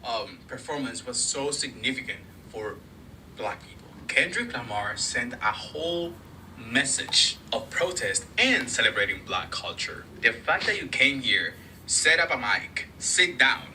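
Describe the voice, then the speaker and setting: A man from Colombia giving an earnest, quick monologue. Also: medium pitch, lively intonation, pushed and bright. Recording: distant mic with faint noise.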